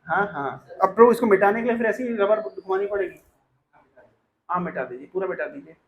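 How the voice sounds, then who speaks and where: Male teacher, high pitch, quizzing style, roomy classroom sound. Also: lively intonation, a little fast, muffled recording, a little hiss or hum. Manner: questioning, coaxing students to answer.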